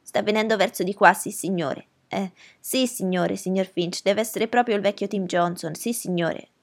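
A woman's voice: mid-range voice, moderate pace, close to an everyday voice. A woman voicing a stern, bustling housekeeper who speaks in a firm, raised, commanding way.

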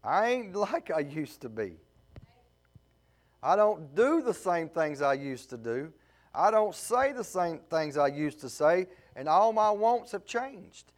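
A man preaching a sermon with deep feeling, drawing out words of scripture and speaking in plain folksy grammar. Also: sing-song. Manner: emotional, fervent preaching with Southern folk grammar; slow, drawn-out emphasis on scripture words.

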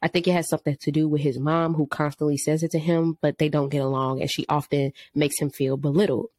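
Woman podcast co-host, deep register, dry studio sound, reads letters and gives direct advice. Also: level tone, quick pace, a little mellow, dry recording. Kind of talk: casual chat.

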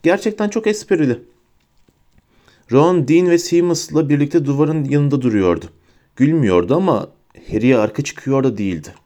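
A man reads an audiobook aloud in a measured, expressive storytelling voice. His tone is mellow and dark. He pays close attention to each sentence. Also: medium pitch. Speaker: audiobook narrator. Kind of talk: scripted audiobook narration.

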